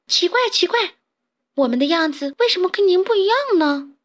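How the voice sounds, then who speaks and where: A woman voicing a group of little tadpoles calling excitedly in a high voice. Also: normal speed. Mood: eager. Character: tiny tadpoles, young and eager.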